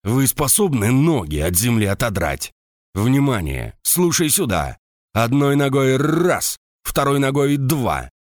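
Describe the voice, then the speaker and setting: A man voicing a hoarse, bullying drill sergeant who barks crude insults and commands at his soldiers in an audiobook. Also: medium pitch, sing-song, unhurried, dry recording, studio quality, pitched above the performer's own voice. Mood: barking, scolding. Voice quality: hoarse barking shouts.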